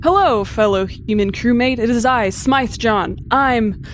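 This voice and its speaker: A high, stiff robot voice trying and failing to pass as a human crew member, played by a woman. Every phrase comes out overly formal and precise, as if recited from a manual on being human. It has the flavor of a comic sci-fi audio sketch. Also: unhurried, a little hiss or hum, close to an everyday voice. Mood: stiffly formal.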